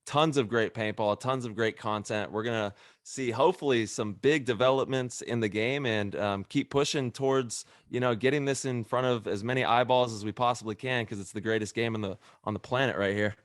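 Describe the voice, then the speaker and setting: A man's voice: mid-range voice, fairly quick, few pauses, no echo, clean studio sound. A man co-hosting a casual podcast, talking up the sport with enthusiasm. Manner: enthusiastic hype talk. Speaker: podcast co-host.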